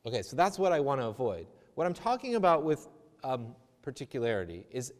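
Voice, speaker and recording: A man's voice: medium pitch, big pitch swings, fairly quick. A man, a theology lecturer, answering audience questions in a conversational, discursive way with self-deprecating asides and frequent restarts, speaking in a chapel. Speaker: theology lecturer giving a talk. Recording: long chapel reverb.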